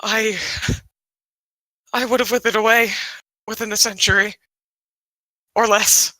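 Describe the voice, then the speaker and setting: A shy, winged dragon-kin woman, played by a woman in a tabletop role-play, stumbling over her words with ums and restarts. Her voice is bright and clear. The recording is close and dry. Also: medium pitch, steady tone, no room sound, poor audio. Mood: hesitant. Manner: hesitant, halting, full of restarts and ums. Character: shy female Manakete with wings.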